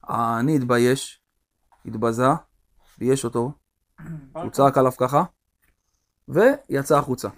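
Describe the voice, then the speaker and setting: A male rabbi telling a story during a religious lesson, in an animated storytelling manner. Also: mid-range voice, pauses often.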